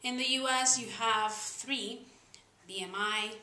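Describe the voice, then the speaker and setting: Recorded in a small indoor room with reverberant, poor audio, this singer-songwriter vlogger is a young woman from Spain. She speaks casually to camera about songwriting in earnest, slightly uneven English with a Spanish accent. Her voice is a little high, measured, bright and forceful.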